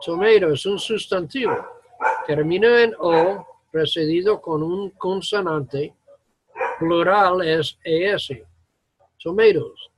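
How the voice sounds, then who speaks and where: In a classroom, a high-voiced male English teacher walks students through grammar. He speaks in slow, broken-up explanations, slipping English words into his Spanish.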